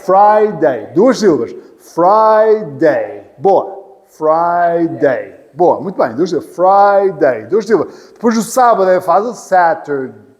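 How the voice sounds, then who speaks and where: A man teaching an English class, playful and teasing, repeating words slowly and clearly for his students. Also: high voice, expressive, a little mellow, in a large hall. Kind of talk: classroom lesson. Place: church hall classroom.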